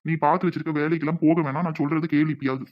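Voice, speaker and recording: Cartoon casting: a man playing a bossy village dad with a Tirunelveli accent, high and fast, dry lo-fi sound. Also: fairly even intonation, natural voice. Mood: stern. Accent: Tirunelveli Tamil. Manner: bossy, lecturing. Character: stern middle-aged village father.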